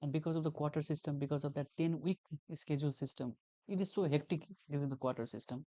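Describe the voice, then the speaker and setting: A young Nepali man, a graduate teaching assistant, is a guest in a casual interview and talks earnestly, repeating phrases and using many fillers. His voice is on the high side with a dark tone, fairly even intonation and a fast pace, with no echo.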